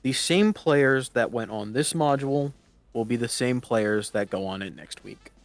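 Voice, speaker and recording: A man acting as game master, wrapping up a roleplay session in casual chat over an online voice call. He speaks in a laid-back way, pausing with ums and restarting phrases. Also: medium pitch, no echo. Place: online voice chat in a virtual world.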